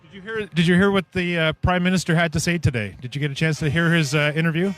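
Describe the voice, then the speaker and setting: A man's voice: fairly high pitch, steady tone, fast talker, a bit bright. A man doing a street interview outdoors, earnestly asking long leading questions. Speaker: independent media interviewer.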